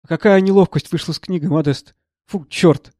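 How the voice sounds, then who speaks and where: A man reading the part of a troubled, gentle elderly professor who speaks earnestly and with agitation. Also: on the high side, moderate pace, dry recording, clean studio sound, natural voice.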